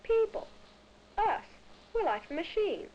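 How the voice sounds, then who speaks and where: A woman's voice: very high-pitched, very animated, measured pace, a little mellow, full character voice. A woman playing a curious, teasing child in scripted 1970s educational film dialogue. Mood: playful. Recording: dull, faintly noisy vintage film soundtrack.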